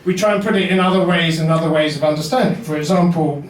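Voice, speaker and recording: A man's voice: on the high side, fast, far from the mic, slight background noise. A man performing a wry, self-deprecating stand-up comedy set in a basement comedy venue. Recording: roomy echo, mic heard from afar.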